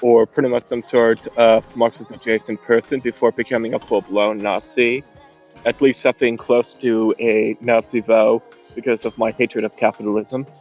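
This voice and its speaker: A man's voice: medium pitch, level tone, darkish tone, soft background music. Joking man with a slight lisp. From southwestern United States. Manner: joking, quick comebacks. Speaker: guest caller. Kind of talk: casual banter on a voice call.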